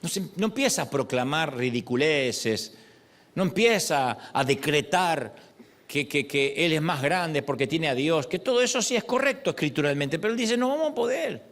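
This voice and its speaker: A middle-aged man preaching a sermon as a pastor, expressive and acting out quoted prayers. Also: fairly high pitch, moderate pace.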